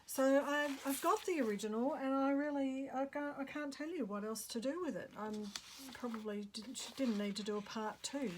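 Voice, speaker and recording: An Australian woman chatting casually as she crafts, thinking aloud and murmuring to herself as she works. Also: on the high side. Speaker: craft vlogger. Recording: clear background noise.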